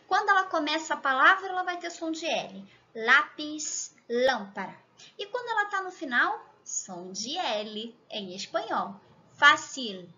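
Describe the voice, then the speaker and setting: Bright high-voiced Brazilian teacher from Rio. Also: female voice, dull audio. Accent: Rio de Janeiro Portuguese. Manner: slow, exaggerated demonstration of pronunciation; chatty, checks in with the viewer often. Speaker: Spanish teacher. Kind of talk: language lesson to camera.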